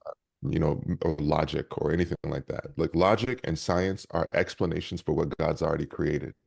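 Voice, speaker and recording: A man's voice: a bass voice, steady tone, normal speed, gravelly, darkish tone. A man who is a leadership coach and speaker, telling stories energetically in an interview with many restarts. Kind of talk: conversational interview storytelling.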